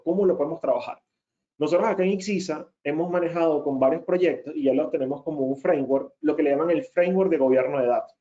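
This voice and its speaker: A man with a fairly high but mellow voice walks his audience through a technical webinar. He explains patiently, keeps checking in with his listeners and pushes back with emphatic repeated denials. The audio is muffled and lo-fi. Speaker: webinar presenter, data consultant.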